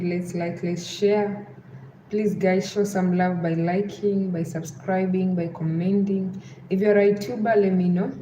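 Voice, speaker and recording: Speaking in a slightly low, warm voice with a Western Kenyan accent, a young woman runs a casual livestream and circles back over and over to asking viewers to like and subscribe. The audio sounds roomy and echoey, with noticeable background noise.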